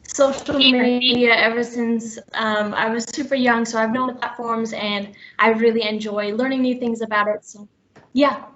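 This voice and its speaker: A young woman from Sri Lanka talks her coworkers through a presentation in a friendly, chatty way, with plenty of ums. Her fairly high voice keeps cutting in and out on a poor connection. The call audio is dull and lo-fi. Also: fairly even intonation, normal speed, a bit bright. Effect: voice cutting in and out over a bad connection. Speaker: presenter at a company brown-bag talk. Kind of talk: casual presentation. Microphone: video call.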